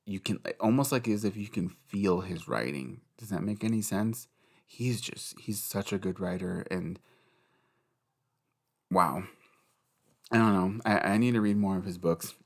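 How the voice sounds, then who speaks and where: A man's voice: low voice, creaky. A young man hosting a casual solo podcast, rambling and giggly, swearing freely. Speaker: podcast host.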